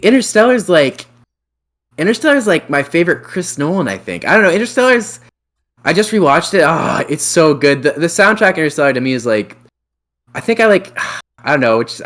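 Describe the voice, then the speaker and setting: A man's voice: fairly high pitch, big pitch swings, fairly quick, fairly bright tone. A young man hosting a casual podcast chat, thinking aloud and unsure, with many fillers and restarts. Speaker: podcast host.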